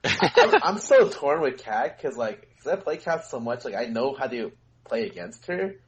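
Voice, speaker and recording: A man's voice: medium pitch, sing-song, normal speed, dull audio. A man co-hosting a casual gaming podcast, explaining game mechanics at length with many filler words. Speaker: co-host and streamer.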